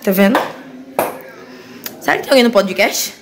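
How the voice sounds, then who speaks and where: A young woman chatting excitedly in a casual vlog, often dropping to whispered asides, filmed on a handheld phone as she walks outdoors and through a big house. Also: medium pitch, normal speed. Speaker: vlogger. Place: outdoors walking a street, then inside a large house.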